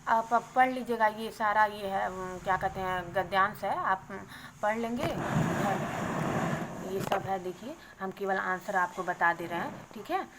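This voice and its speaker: A woman teacher going briskly through exam questions and their answers, adding a quick "okay" after each answer. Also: mid-range voice, background noise. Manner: brisk, adds "theek hai" after answers.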